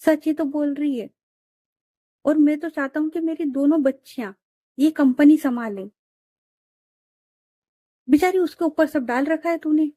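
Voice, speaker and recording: A stern, fair-minded middle-aged father lecturing his daughters, as a woman narrator puts him on. The voice stays high and warm, recorded dry and close. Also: unhurried, pauses often, no room sound. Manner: firm, lecturing.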